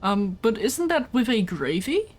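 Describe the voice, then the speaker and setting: While livestreaming a video game, a woman chats casually with a co-player in an unhurried, fairly high voice with big pitch swings. Between sentences she rambles about food and snacking.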